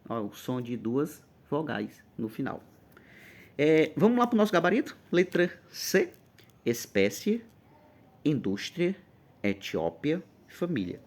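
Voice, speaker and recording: Brazilian man at a middle pitch, energetic exam-prep tutor, emphatic and chatty. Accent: Brazilian Portuguese. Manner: lively, emphatic, checks in often. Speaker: Portuguese teacher for exam prep. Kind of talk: informal exam-prep lesson.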